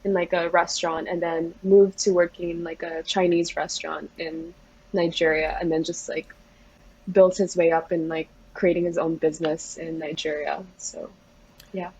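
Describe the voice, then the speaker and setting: A woman's voice: lowish voice, normal speed, a little hiss or hum, poor audio. A young woman from the Philippines, a podcast guest chatting casually with frequent laughs and fillers. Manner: relaxed, laughs often, lots of fillers. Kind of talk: casual interview.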